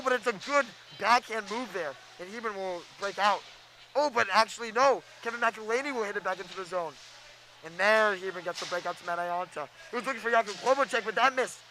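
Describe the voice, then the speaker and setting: A young man calling live hockey play-by-play, excitable and quick, stumbling over names as he goes. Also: high-pitched, slight background noise, poor audio. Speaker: play-by-play announcer.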